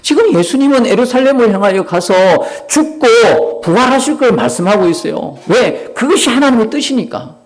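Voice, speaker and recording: Animated male pastor preaching. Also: extremely high pitch, moderate pace, few pauses, soft background music. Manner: rhetorical questions to the congregation. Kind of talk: sermon.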